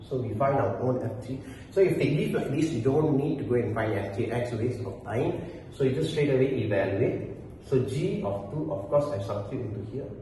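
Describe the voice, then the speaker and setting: A man's voice: mid-range voice, a little mellow, a little hiss or hum. Echoey man teaching math. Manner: explains step by step, asks and answers his own "why?", fillers of "okay". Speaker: math lecturer. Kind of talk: whiteboard math tutorial. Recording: very echoey hall, mic far off, faint ambience.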